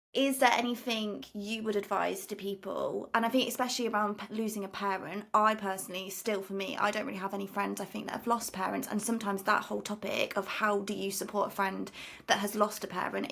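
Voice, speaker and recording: A woman in her twenties hosting a podcast interview, talking in a chatty, animated way and acting out her friends' reactions. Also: medium pitch, vocal fry. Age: 20s. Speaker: podcast host. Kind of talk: casual conversational interview.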